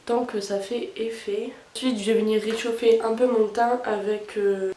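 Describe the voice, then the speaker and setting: A woman's voice: on the high side, steady tone, moderate pace, warm tone, distant mic. A young woman talking through her makeup routine in a casual, hesitant way, with many fillers. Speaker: beauty vlogger. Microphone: camera mic at a distance. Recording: roomy sound, camera set back.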